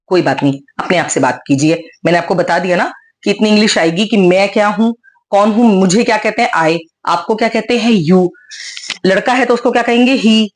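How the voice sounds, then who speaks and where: A woman teaching English to beginners, talking in a lively, coaxing way and repeating simple examples again and again. Her pitch sits in a middle range for a woman. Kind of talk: encouraging spoken lesson.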